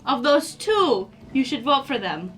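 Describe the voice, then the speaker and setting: High, animated woman at a game table. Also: unhurried, faint music behind. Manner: excitable, joking. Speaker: player in a tabletop role-playing game. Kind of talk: casual table chat.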